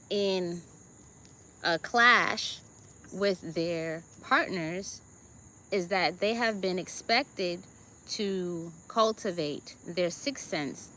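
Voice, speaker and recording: A woman with a Jamaican accent hosts a deliberate self-help talk, often checking in with listeners through "okay?" and "right?". Her medium-pitched voice sounds pushed and bright.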